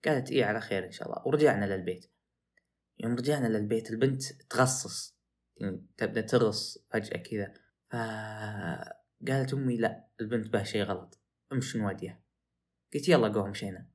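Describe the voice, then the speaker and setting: A young man, hosting a podcast and telling a story in a casual, animated way that rises into excited outbursts. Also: on the low side, quick pace. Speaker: podcast host.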